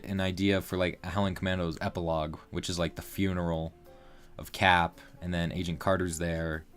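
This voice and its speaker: Rambling teenage guy, low voice. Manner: rambling, loose talk full of fillers and restarts. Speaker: livestream host. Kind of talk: casual livestream chat.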